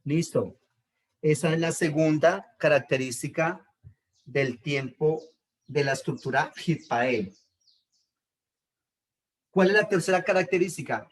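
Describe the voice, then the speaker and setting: Patient man teaching a class. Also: on the high side. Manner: patient, repeats each point and checks in with the class. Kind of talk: step-by-step grammar lesson.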